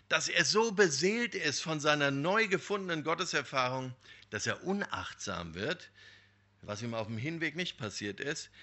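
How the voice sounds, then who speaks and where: A man preaching a sermon, telling a parable in a lively, emphatic way. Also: a little high. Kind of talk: sermon with storytelling.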